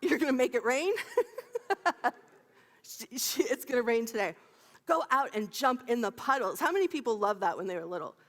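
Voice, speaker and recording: A woman minister in her fifties preaches with a high, lively voice that swoops up and down. She is playful and quick to laugh, throwing questions out to the congregation. Her words ring out with a long reverb through a large sanctuary. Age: 50s. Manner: animated and playful, laughing often, calling out to the congregation. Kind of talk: sermon. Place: church sanctuary.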